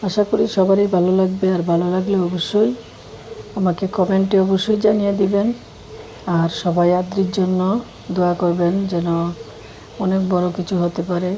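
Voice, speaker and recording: A middle-aged woman with a slightly hoarse voice, chatting easily and rambling as she talks to her viewers. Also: fairly low pitch, level tone, moderate pace, slight background noise, low-quality recording. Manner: easygoing, rambling, warm well-wishing to viewers. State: hoarse at night. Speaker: vlogger. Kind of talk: casual vlog narration.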